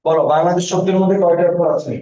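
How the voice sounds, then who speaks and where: Man teaching, fairly high voice, mellow tone, repeats questions, distant lo-fi room echo. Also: level tone, very fast. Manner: drills students with repeated questions; reads out student names and answers. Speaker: Bangla teacher. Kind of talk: online class lecture. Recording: echoey, distant, dull lo-fi.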